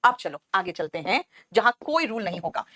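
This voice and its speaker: A woman's voice: medium pitch, big pitch swings, fairly quick, sharp tone, no echo, studio quality. A woman teaching English grammar in an online class. She explains patiently, calls students by name and "beta", and keeps checking with "right?".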